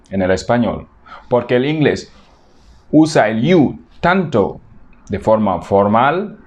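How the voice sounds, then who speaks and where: A man's voice: medium pitch, darkish tone. A man teaching English pronouns to Spanish speakers, repeating each word several times to model the pronunciation. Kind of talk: language lesson for Spanish speakers.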